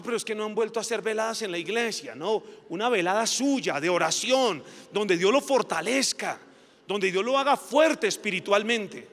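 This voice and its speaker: A male pastor preaching a sermon with passion, his voice climbing to shouts at its peaks. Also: very high voice. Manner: impassioned preaching, rising to shouts. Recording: reverberant hall.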